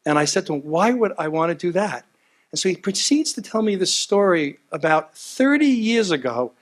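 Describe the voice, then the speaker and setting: A man's voice: high-pitched, moderate pace. A man giving a heartfelt speech at a gala, earnest and repetitive, telling stories with animation. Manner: earnest, repeats himself, animated storytelling. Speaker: gala speaker. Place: event hall.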